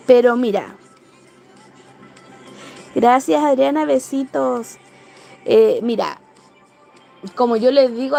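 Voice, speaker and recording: A woman's voice: high-pitched, gravelly, darkish tone. A Chilean woman hosting a casual livestream, chatting in a rambling way and greeting viewers by name. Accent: Chilean Spanish. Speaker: livestream host. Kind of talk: casual live-stream chat.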